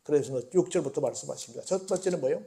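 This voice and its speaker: A male pastor preaching a sermon at a midweek prayer meeting. He talks to the congregation in a conversational way, asking questions and answering them himself, and moves between loud emphatic bursts and quiet asides. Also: a little high, rapid-fire, creaky.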